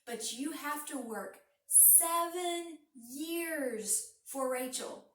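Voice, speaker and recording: A woman's voice: high voice, extremely slow, fairly bright tone, a little hiss or hum, heavily acted. A woman voicing a middle-aged uncle who bargains hesitantly in a children's story. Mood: bargaining. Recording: roomy, from a distance.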